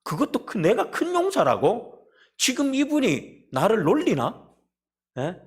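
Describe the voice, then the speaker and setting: A man's voice: high-pitched, huge pitch swings, a little slow, full character voice. A man, a preacher acting out the inner voice of a timid young man who doubts and protests. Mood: incredulous. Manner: incredulous, self-pitying, protesting.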